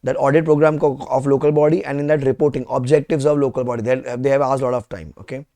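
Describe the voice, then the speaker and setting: A man's voice: medium pitch, fairly even intonation, fast talker, mellow. Indian man teaching, repeating for emphasis. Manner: repeats questions and phrases for emphasis. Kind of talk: live classroom lecture with quiz questions.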